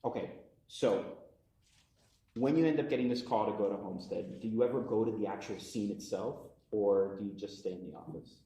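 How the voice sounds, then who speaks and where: A man questioning a witness as prosecutor in a measured way, heard in a courtroom recording. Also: lowish voice, dark tone. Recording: echoey courtroom audio.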